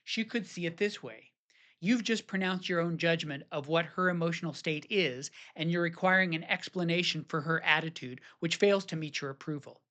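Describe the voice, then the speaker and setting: A man's voice: a little high, sharp tone. A man who works as a marriage therapist, giving scripted advice to husbands in an earnest, coaching way and acting out sample phrases. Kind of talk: scripted advice talk to men.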